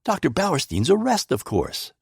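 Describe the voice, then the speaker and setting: A man reading an excitable young English gentleman from a storybook, eager and quick to indignation. His lines rise with lively swings of pitch over a gravelly, husky tone. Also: dry recording, studio quality, heavily acted. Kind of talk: audiobook character voice.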